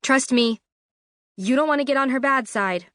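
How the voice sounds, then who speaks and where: A woman's voice: high-pitched, moderate pace, fairly bright tone, no echo, pitched above the performer's own voice. A startled teenage girl, as an audiobook narrator puts her on, sounding alarmed and defensive. The delivery is dry and close to the mic.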